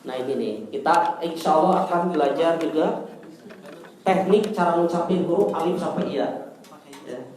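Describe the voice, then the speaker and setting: A man teaching an Arabic class, lively and teasing with his students. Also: fairly high pitch, normal speed, background noise. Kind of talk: classroom lesson. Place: indoor classroom. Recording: echoey room, far from the mic.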